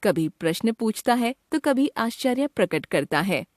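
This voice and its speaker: A woman reading a scripted grammar lesson for children in a clear, measured way. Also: a little high, big pitch swings, darkish tone, no echo, studio quality. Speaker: grammar teacher.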